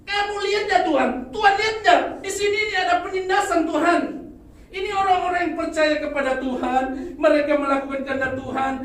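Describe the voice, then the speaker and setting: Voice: very high voice, steady tone, brisk, voice pushed up. A preacher voicing a desperate male prophet who cries out to God again and again, in a sermon. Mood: pleading, desperate. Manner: shouting, pleading, repetitive cries. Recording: echoey hall, distant mic.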